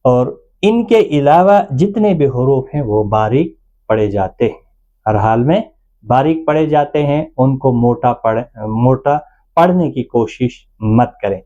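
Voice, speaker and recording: A man's voice: medium pitch, animated, dark tone, dull audio. A man teaching the Arabic alphabet in an online lesson, explaining patiently step by step. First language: Urdu. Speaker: Quran reading teacher.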